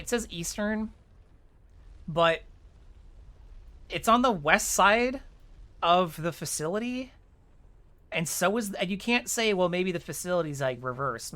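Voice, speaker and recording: This streamer's mid-range voice is bright and forceful, measured in pace with frequent pauses. Walking through an online game, they chat informally, reason out loud, explain each move and swear a little.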